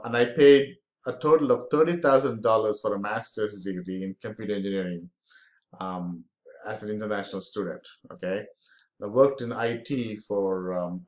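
A man's voice: fairly low pitch, darkish tone, roomy sound. A man in his forties, from India, giving a casual, filler-heavy screen-share tutorial on online marketing.

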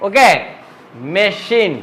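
A man's voice: sits high, extremely slow, fairly bright tone, a little hiss or hum, low-quality recording. A man teaching an English pronunciation lesson, who asks his class questions and answers them himself.

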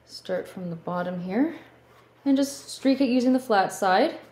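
A woman with a Canadian accent, a painting instructor talking through each brushstroke in a relaxed, step-by-step way. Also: a little high, unhurried. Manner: relaxed, thinking aloud while working. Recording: roomy studio with faint background hum.

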